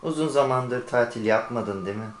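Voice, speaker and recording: A man playing a smooth-talking pitchman in a parody advertisement, selling straight to the listener. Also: brisk, lightly acted. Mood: persuasive. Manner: persuasive sales pitch, addressing the listener directly. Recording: roomy and distant with faint noise.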